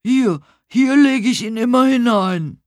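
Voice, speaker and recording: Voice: measured pace, dry recording, clean studio sound, close to an everyday voice. A reader voicing a frantic, confused old man who is hard of hearing and keeps mishearing words, in a storybook reading. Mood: flustered. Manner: high, loud, flustered and mishearing.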